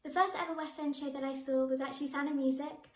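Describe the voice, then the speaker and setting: Speaking fast in a high, steady voice, a teenage girl answers interview questions to camera as a young actress. She's bubbly and enthusiastic, laughing often, in an echoey room.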